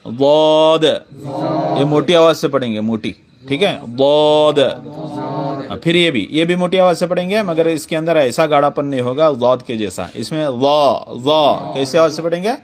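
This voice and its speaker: A man teaching the sounds of letters in a reading lesson, saying each one slowly and contrasting thin and heavy sounds. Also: a little high.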